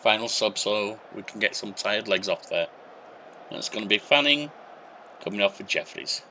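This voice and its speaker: Young guy narrating his football sim, bright punchy voice, short bursts, thinking out loud. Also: lowish voice, animated, normal speed, slight background noise. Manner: chatty, narrating match play in short bursts, thinking aloud. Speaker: gaming YouTuber. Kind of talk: casual let's-play commentary.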